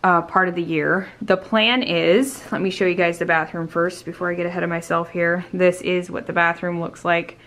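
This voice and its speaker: A woman's voice: on the low side, fairly even intonation, moderate pace, hardly any pauses, fairly bright tone. A woman giving an upbeat, casual walkthrough of an empty condo, her voice echoing off bare walls. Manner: chatty, upbeat, loose with fillers. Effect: echoey empty room. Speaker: home renovation vlogger.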